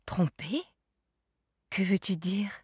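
Woman reading a soft patient mom in a storybook, goes all whispery, dry close sound. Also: medium pitch, fairly even intonation, slow, husky, dry recording. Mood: surprised. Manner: soft, hushed, dropping to whispers. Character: gentle patient mother soothing her child.

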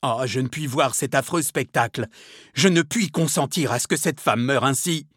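A man's voice: medium pitch, moderate pace, fairly bright tone, husky, no echo, clean studio sound, voice pushed up. A man voicing a troubled, earnest young musketeer in a storybook reading.

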